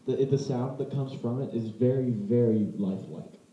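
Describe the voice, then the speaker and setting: In a roomy, muffled home video recorded indoors, a man with a medium-pitched voice speaks at a normal speed over a slight hiss or hum. He's a vlogger showing off vintage audio gear in a casual, unscripted demo, rambling and correcting himself as he goes.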